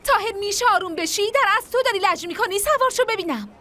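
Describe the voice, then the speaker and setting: An actress dubbing a spirited, stubborn young pregnant wife who snaps back with sharp, teasing retorts. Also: female voice, very high voice, animated, slight background noise, full character voice. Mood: arguing. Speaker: dubbed drama character. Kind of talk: Persian TV dub acting.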